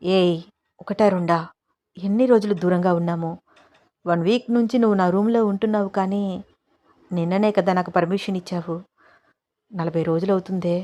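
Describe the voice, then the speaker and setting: A woman's voice: steady tone, moderate pace, long pauses, warm tone, close to an everyday voice. Woman voicing a teasing young husband. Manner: low, murmuring, teasing.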